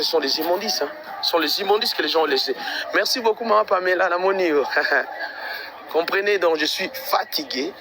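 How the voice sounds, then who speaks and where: This livestream vlogger has a high voice, and there's background noise behind him. He's walking outdoors through a residential area, panting and speaking to his stream audience with exasperated repetition.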